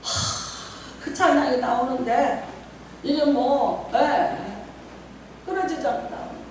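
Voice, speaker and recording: A middle-aged woman pastor preaching a sermon in a chatty, animated way, often laughing as she talks. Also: high voice, unhurried, a little hiss or hum. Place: church sanctuary. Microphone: distant from the mic. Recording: very echoey church hall from far off.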